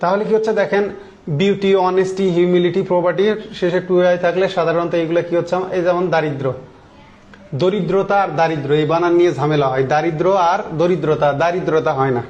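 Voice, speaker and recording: A man's voice: high-pitched, steady tone, quick pace, a little mellow, muffled recording, slight background noise. A man teaching an English grammar lesson, explaining step by step and asking the class questions.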